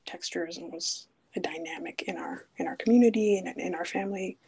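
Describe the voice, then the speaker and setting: A young woman from Ethiopia in a casual interview, talking softly and hesitantly, often drifting into a whisper. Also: on the low side, steady tone, vocal fry, husky, poor audio. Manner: halting, hesitant with fillers. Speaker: guest.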